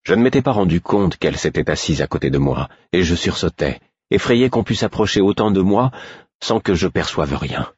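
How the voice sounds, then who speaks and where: A man narrates a novel in the first person with measured, steady delivery. His voice is very deep and husky. The recording is dry with a dull, muffled tone. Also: no room sound. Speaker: audiobook narrator.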